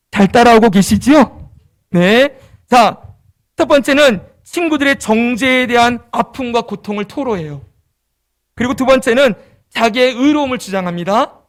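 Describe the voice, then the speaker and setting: A man preaching an expository sermon in church, his voice sitting unusually high for a man. He walks his listeners through each point in order and keeps asking whether they are following. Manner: explains step by step and checks in with the congregation. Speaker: pastor.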